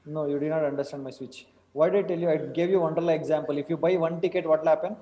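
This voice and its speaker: A man's voice: on the high side, fairly even intonation, fast, dark tone, slight background noise. A young man with an Indian accent teaching an online class, informally, repeating instructions and checking with questions. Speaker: programming teacher. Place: small indoor room. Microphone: computer mic on a video call. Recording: echoey, reverberant room.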